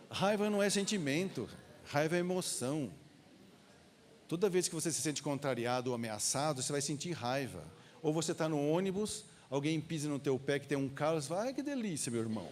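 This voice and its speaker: Lively, joking man lecturing. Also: on the high side. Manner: informal, joking, acts out little quoted dialogues. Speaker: lecturer at a spiritist center. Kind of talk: spiritist lecture to a live audience.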